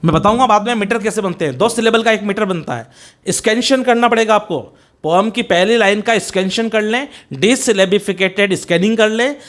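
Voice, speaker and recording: A man's voice: high voice, a little fast, fairly bright tone. A man with an Indian accent teaching English poetry for an exam, speaking Hindi mixed with English, counting lines aloud and repeating key points.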